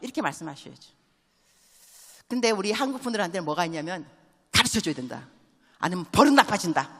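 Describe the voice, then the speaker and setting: Animated woman preaching in a reverberant church. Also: on the low side, breathy edge. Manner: animated storytelling with quick call-and-response questions to the congregation; drops English phrases into her speech. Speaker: missionary preacher. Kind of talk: church sermon. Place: large church sanctuary. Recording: long church hall reverb.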